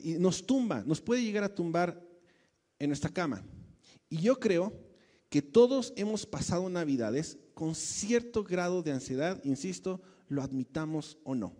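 Male pastor, a bit high-voiced, chatty sermon delivery with questions to the congregation, long hall reverb. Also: dark tone. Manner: conversational, asks the congregation questions.

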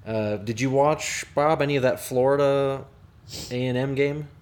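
Male podcast host, casual, halting delivery over a video call. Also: medium pitch, a little mellow. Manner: halting, many restarts, chuckling.

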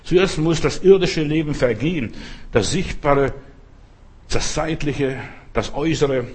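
A man's voice: on the high side, measured pace, darkish tone, breathy edge. A man preaching a sermon, speaking emphatically and turning directly to his listeners.

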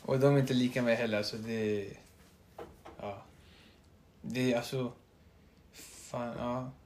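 A man's voice: medium pitch, steady tone, noisy background. A young man, co-hosting a casual podcast chat and rambling loosely through his stories. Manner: rambling, loose, drops into quoted asides. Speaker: podcast co-host.

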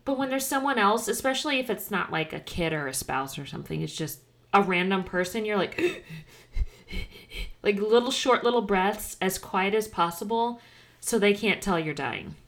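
A woman in her thirties co-hosts a podcast in casual chat, her mid-range voice sing-song and fairly bright at a normal speed. She rambles a little, leans heavily on fillers, and pokes fun at herself.

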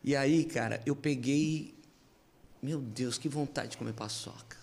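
A man with a Brazilian accent, a pastor, tells his story with lively, heartfelt energy. He talks in a middle-pitched voice and jumps between narrating and acting out what people said. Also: a little slow, a little hiss or hum. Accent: Brazilian Portuguese. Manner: animated, emotional storytelling with reenacted dialogue. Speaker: pastor, podcast guest. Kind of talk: personal testimony storytelling.

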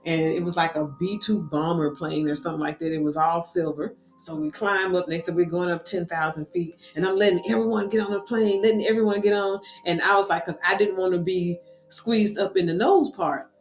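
Woman, casual storytelling, animated, echoey room, faint background music. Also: on the low side. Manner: lively, animated retelling with quick asides. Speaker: speaker sharing a personal story.

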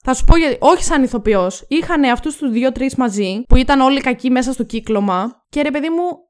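A woman's voice: sits high, expressive, clear, resonant tone. A woman co-hosting a casual film review chat, giving opinionated, critical takes in a rambling way. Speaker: podcast co-host.

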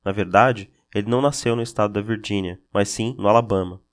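Low-voiced male host reading a note. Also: fairly quick. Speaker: podcast host. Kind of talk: scripted announcement.

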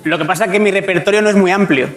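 A man, a comedian telling self-mocking stories on a talk show, stammering and animated. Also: high-pitched, very fast, a loud crowd, heavy background noise. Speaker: comedian guest. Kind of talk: comic storytelling on a talk show.

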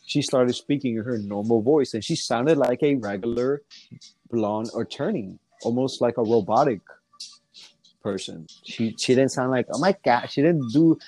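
A man's voice: mid-range voice, darkish tone. A man talking in a casual podcast chat, rambling with lots of fillers, restarts and swearing. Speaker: guest rapper.

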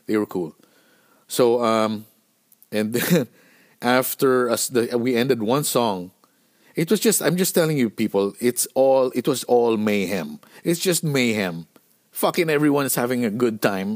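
A middle-aged man from the Philippines, hosting a podcast and telling road stories in a casual, animated, profane way with lots of fillers. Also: medium pitch. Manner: profane, animated storytelling with many fillers and restarts. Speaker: podcast host.

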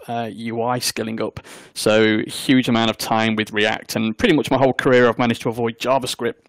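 A man's voice: medium pitch, dry recording. A man with an East Midlands accent from South Derbyshire, chatting casually in a wry, self-deprecating way. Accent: East Midlands English, South Derbyshire. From English Midlands, South Derbyshire. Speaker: guest, network engineer. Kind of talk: casual chat.

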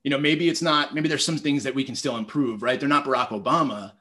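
Animated storytelling man in his thirties. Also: mid-range voice, fast. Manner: animated, storytelling, acts out quoted thoughts, heavy use of "like". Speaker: podcast guest, public speaking teacher. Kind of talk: casual conversational interview.

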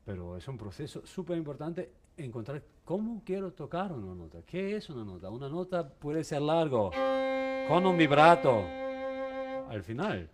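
Halting man teaching a violin masterclass. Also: a little high, big pitch swings, soft background music. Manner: halting, mixes in English words, asks the class questions.

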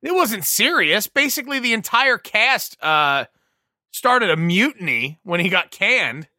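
A man's voice: high-pitched, very animated, a little slow, pushed and bright, no echo, studio quality. A man co-hosting a podcast in casual chat, blunt and sarcastic. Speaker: podcast co-host.

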